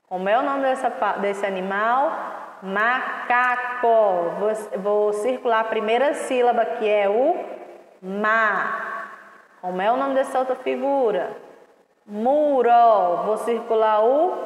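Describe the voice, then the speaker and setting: Slow-talking woman teacher, echoey room. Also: fairly high pitch. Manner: slow, drawn-out syllables, patient and instructive. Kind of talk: online class for young children. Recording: echoey room with long reverb.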